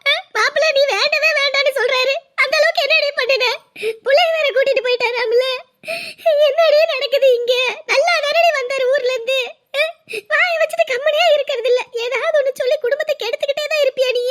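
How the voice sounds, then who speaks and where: A grieving older mother from a village family drama, played by an actress, whose scolding keeps breaking into tearful pleading. Her voice sits very high and the words come fast. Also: fairly bright tone.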